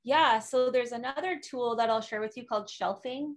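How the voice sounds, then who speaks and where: A woman's voice: fairly high pitch, moderate pace. A woman guest on a podcast interview, explaining emotional tools in an earnest, conversational way, full of "like" and "um". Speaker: guest, emotional wellness coach.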